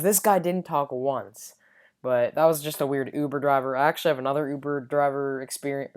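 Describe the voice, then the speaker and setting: A woman with an unusually deep, smooth and resonant voice tells a casual storytime vlog. She rambles through it loosely, full of fillers and side remarks. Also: darkish tone. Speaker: vlogger.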